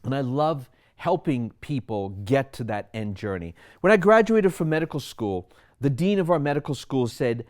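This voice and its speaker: A man's voice: medium pitch, expressive, moderate pace, a little mellow. A man in his sixties from Sri Lanka, a physician speaking about his wellness philosophy in an explanatory monologue full of rhetorical questions. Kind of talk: personal monologue to camera.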